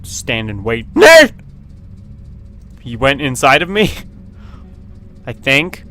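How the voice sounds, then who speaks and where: A man giving casual, excitable commentary as he plays a video game at his computer, laughing often and yelping when something happens. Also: mid-range voice, slow pace, a little hiss or hum. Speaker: gaming video host. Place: at home at a computer with webcam.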